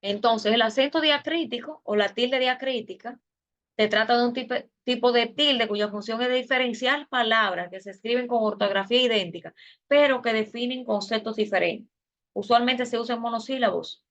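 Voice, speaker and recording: A woman's voice: on the high side, normal speed, a bit bright, highs cut off. A woman teacher giving an online class lecture, explaining step by step with fillers and self-corrections. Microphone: video call.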